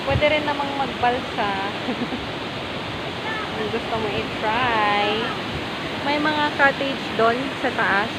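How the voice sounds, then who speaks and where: A woman vlogging casually while walking outdoors at waterfalls, chatty and exclaiming, laughing often. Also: on the high side. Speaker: travel vlogger. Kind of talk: casual travel vlog narration. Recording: loud rushing waterfall noise outdoors.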